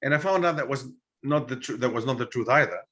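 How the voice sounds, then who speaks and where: Greek-born male historian guest, bright tone, lively storyteller who acts out dialogue in an interview. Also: medium pitch, fast talker. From Greece. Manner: animated storyteller acting out quoted dialogue.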